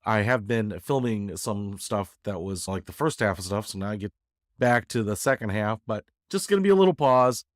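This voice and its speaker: A man's voice: fairly low pitch, expressive, moderate pace, no echo, clean studio sound. A man congested from a head cold, giving a casual, rambling update to viewers in a joking, self-deprecating way. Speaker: YouTuber giving a channel update.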